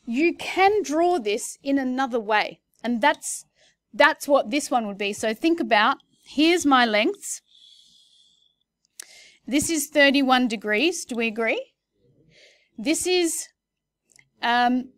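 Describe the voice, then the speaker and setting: A woman's voice: high voice, no room sound, clean studio sound. A woman teaching a maths class in a chatty way, correcting herself and checking in with her students. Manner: chatty, self-correcting, asks the class questions. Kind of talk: classroom lesson.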